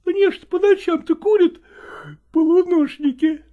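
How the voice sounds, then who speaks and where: A reader voicing a young peasant woman cook who scolds in sharp, shrill folk speech. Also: steady tone, measured pace, narrow, tinny audio. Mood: scolding. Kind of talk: dramatized story reading.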